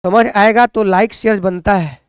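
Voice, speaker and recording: A man's voice: high-pitched, fairly even intonation, moderate pace, smooth, dry recording, clean studio sound. A man teaching a maths lesson, who keeps asking the students questions and answering them himself.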